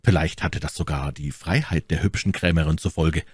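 A man narrating a classic novel as an audiobook in a measured, even manner. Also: rumbling low, slightly rough, dry recording.

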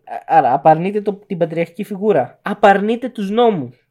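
A man co-hosting a casual podcast, talking animatedly. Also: high voice. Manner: animated, mocking outbursts. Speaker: podcast co-host. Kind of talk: casual chat.

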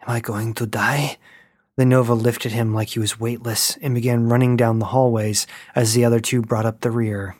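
A man narrating a science-fiction story in a steady, even reading voice. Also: mid-range voice, brisk, hardly any pauses, no echo, clean studio sound.

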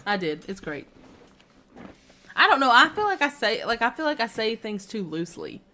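A young woman co-hosting a casual podcast with friends. Her pitch swings widely as she talks, and she giggles often and pokes fun at herself. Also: moderate pace. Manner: giggly, animated, self-deprecating. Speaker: podcast co-host. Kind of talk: casual chat among friends.

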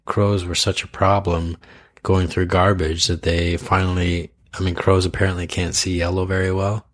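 Deep-voiced man, rambling casual chat. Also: little pitch movement, moderate pace. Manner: rambling storyteller, many fillers.

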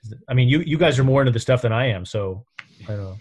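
Musing podcast host from New York. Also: male voice, mid-range voice, lively intonation, rapid-fire, a little mellow, slightly rough. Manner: musing, hesitant, thinks aloud. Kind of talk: casual podcast chat.

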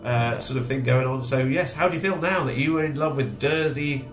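A man's voice: medium pitch, fairly quick, echoey room, soft background music. A man co-hosting a podcast in casual chat, wry and joking, laughing often. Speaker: podcast co-host.

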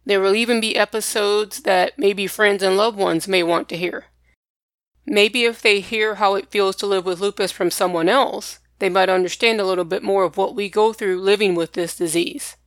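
A woman's voice: mid-range voice, fairly even intonation, normal speed, no room sound. A woman hosting a personal podcast, speaking directly and plainly to listeners in a partly scripted talk. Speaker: podcast host.

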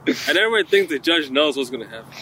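A young man talks in casual, slangy frat-bro style with swearing. His voice is sharp and bright, a little high, with faint outdoor noise behind him. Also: big pitch swings, very fast, rough recording. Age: young adult. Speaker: podcast host. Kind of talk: casual podcast chat.

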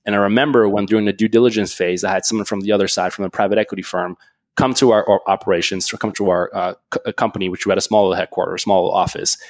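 A man from Switzerland, a guest entrepreneur on a podcast, talking in an animated, casual way full of fillers and restarts. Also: lowish voice, quick pace, dry recording. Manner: animated storytelling, frequent "like" and restarts.

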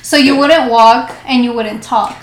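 A young woman reasons through the conversation and challenges the others' points. Her voice sits high. The room around her rings with echo. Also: fairly even intonation, a little slow, a loud crowd. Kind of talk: casual podcast chat. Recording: echoey room.

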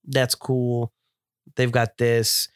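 In a casual beer-review podcast chat, a male co-host with a slightly stuffy, cold-affected voice describes what he sees in an eager, chatty way. His pitch sits in a typical medium male range, yet his delivery is completely flat, very slow, and smooth, captured up close with no echo or room sound.

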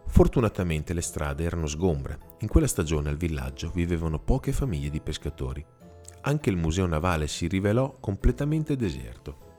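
A man reading a children's fairy tale aloud with expressive storytelling over soft music. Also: sits low.

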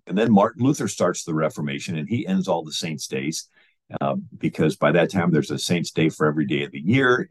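A man's voice: low voice, a little mellow, slightly rough. A man explaining church history in an informal storytelling manner, with frequent fillers and restarts. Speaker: history lecturer.

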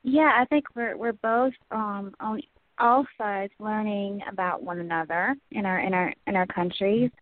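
A woman interviewing a guest in a measured, soft-spoken way. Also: medium pitch, dry recording. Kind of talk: conversational interview. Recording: dry, phone-like line.

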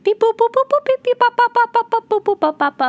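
A chirpy computer randomizer busily processing, beeping and booping in a high, squeaky voice, as a woman mouths it. The beeps sound strange and unlike ordinary talk. The tone is playful and sing-song. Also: expressive, brisk, dull audio. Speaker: podcast co-host.

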